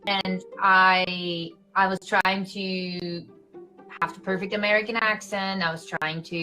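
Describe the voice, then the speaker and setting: On an interview show, a young Swiss actress talks casually and animatedly in a Swiss accent, leaning on fillers like "like" and "you know." Her mid-range voice is unhurried, soft music sits underneath, and the audio quality is poor.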